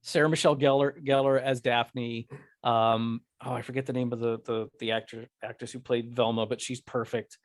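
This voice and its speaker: A man's voice: medium pitch, flat delivery, moderate pace, no echo. A man co-hosting a casual chat about movies, rambling with many restarts. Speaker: podcast co-host.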